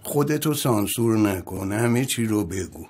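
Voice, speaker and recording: An actor playing a male doctor who asks slow, calm, probing questions. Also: fairly low pitch, slight background noise, natural voice. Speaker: psychiatrist.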